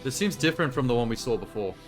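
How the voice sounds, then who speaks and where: A man's voice: mid-range voice, lively intonation, racing, faint music behind. A man giving casual, offhand live reaction commentary as a streamer, speaking bluntly and swearing freely. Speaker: livestreamer reacting to a game show broadcast.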